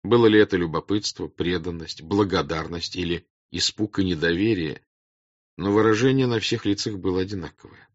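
A man with a fairly low voice narrates a classic novel in a calm, even reading. The recording is dry and dull, with no room echo. His delivery is measured and steady. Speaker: audiobook narrator. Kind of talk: scripted narration.

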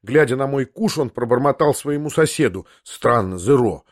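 Male audiobook narrator, mid-pitched, lively delivery, dry close sound. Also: brisk, no echo. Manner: expressive, acting out the dialogue. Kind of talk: scripted narration of a classic novel.

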